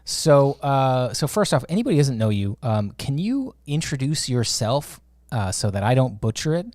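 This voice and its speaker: A man's voice: medium pitch, sing-song, normal speed, darkish tone, no room sound, studio quality. A man hosting a podcast, chatting casually in a friendly, rambling way with many fillers and some swearing. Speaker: podcast host. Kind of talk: casual interview chat.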